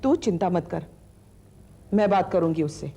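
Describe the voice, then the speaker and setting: A woman's voice: high-pitched, sing-song, moderate pace, a little mellow, breathy edge, heavily acted. An actress playing a firm, protective old grandmother in a TV serial drama, scolding in a motherly way. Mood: stern. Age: older. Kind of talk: TV serial acting. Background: background music score.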